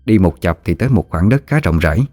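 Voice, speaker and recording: A man narrating a ghost story in a steady storytelling manner. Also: sits low, fairly quick, no room sound. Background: soft music.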